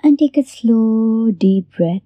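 A woman hosting a guided meditation in a soft, breathy near-whisper, gently giving unhurried instructions with long pauses. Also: on the high side, expressive, no echo, lo-fi sound. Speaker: meditation host.

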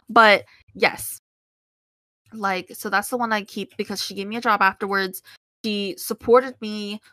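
A woman in casual chat, candidly telling animated stories and acting out what others said. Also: mid-range voice, no echo. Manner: candid, animated storytelling, acts out quotes.

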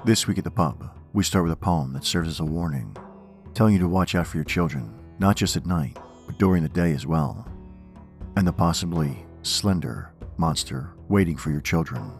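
Very deep, gravelly male horror host. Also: animated, moderate pace, a little mellow, soft background music. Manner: theatrical, ominous horror-host delivery. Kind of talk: horror host narration, scripted, with verse readings.

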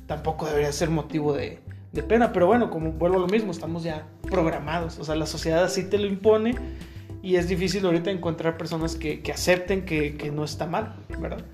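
Mexican co-host in casual chat, earnest and slangy, mid pitch, light music behind. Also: darkish tone. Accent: Mexican Spanish. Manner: earnest, explanatory, laughs often, slangy.

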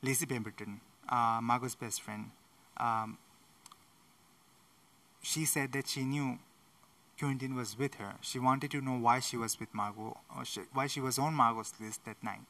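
A man's voice: medium pitch, fairly even intonation, a little slow, pushed and bright. A tired young man casually recapping a book chapter late at night, rambling and correcting himself with chatty asides. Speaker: book summary host. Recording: voice a bit far from mic.

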